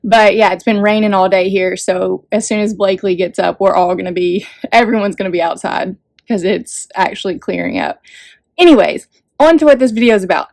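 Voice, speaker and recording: A woman's voice: mid-range voice, a little fast, vocal fry, a little mellow, no echo. A young woman talks to her family vlog audience from the living area of an RV. She chats loosely, with fillers and little laughs along the way. Her voice sits mid-range, and the sound is dry and close. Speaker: family vlogger host. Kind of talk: casual vlog chat. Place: RV living room.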